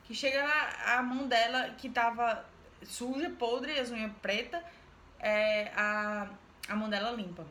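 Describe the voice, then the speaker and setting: A woman's voice: a little high, steady tone, measured pace, a bit bright. Chatty woman retelling a folk tale. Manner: chatty, emphatic repetitions, asides to the listener. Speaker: storyteller. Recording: roomy echo, faint background noise.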